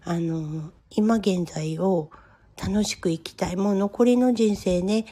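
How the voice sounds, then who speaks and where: Woman, 50s, solo podcast host; mellow, slightly breathy voice with a gentle, confiding delivery. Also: medium pitch, slow. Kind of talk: solo personal podcast talk.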